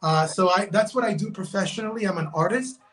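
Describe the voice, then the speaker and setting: A high-pitched, fast-talking young man with a fairly bright tone appears as a guest on a video call for a casual interview. Originally from Guatemala and raised in Los Angeles, he's a digital fashion designer who chats a lot, restarts sentences, and uses "bro" and "man."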